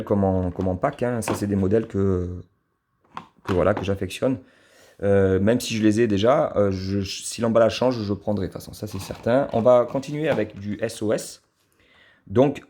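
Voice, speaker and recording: A man with a southern French accent talks casually about his collection, his low voice catching in a gravelly fry. The tone is mellow and dark, and he stops often with fillers and restarts, sounding fond of what he shows. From southern France. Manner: hesitant, many fillers and restarts, fond and admiring. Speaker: die-cast model car collector reviewing his cars. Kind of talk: casual unscripted review.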